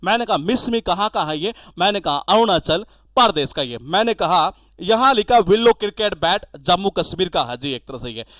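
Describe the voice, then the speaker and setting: Man, exam-prep teacher, chatty, acts out dialogues, high voice, dry sound. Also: expressive, moderate pace, fairly bright tone, no room sound. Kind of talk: exam-prep lesson with memory tricks.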